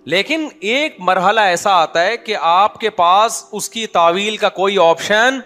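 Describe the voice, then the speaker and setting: A man's voice: high voice, bright, forceful tone. A man, an Islamic scholar, giving a conversational religious talk full of humorous anecdotes and often asking listeners if they follow.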